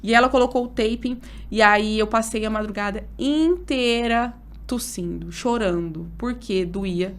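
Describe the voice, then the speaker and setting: A woman in her thirties with a rather high voice, guesting as an obstetrician on a casual interview. She tells her story in an emotional, animated rush, leaning on fillers as she goes. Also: measured pace.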